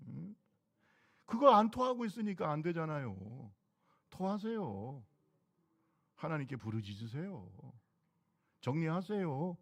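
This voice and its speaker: A middle-aged man preaching a sermon as pastor, exhorting the congregation with repeated calls. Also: fairly high pitch.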